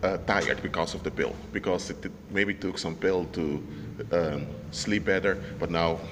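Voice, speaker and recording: In a spoken teaching monologue on faith, a man with a low voice speaks loudly and emphatically, often halting and restarting. A long reverberant tail follows his words, and traffic noise is clearly audible behind him.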